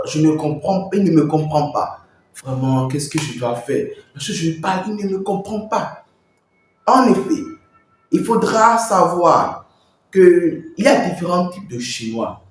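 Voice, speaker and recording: A man working as a language coach, giving advice straight to the viewer and repeating his points. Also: high-pitched. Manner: repetitive, talks straight to the viewer. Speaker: Mandarin coach. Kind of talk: teaching advice to camera. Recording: very echoey room.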